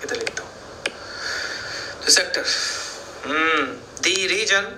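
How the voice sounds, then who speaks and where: A man's voice: a little high, lively intonation, takes it slowly, noisy background. A male math teacher giving a board lecture, explaining step by step and asking and answering his own questions. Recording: echoey room.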